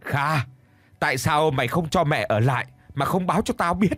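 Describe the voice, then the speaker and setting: A man's voice: fairly high pitch, moderate pace, fairly bright tone, no room sound, voice pushed up. Man putting on a roaring angry eldest brother. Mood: furious. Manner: roaring, accusing. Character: older eldest son, angry and bullying.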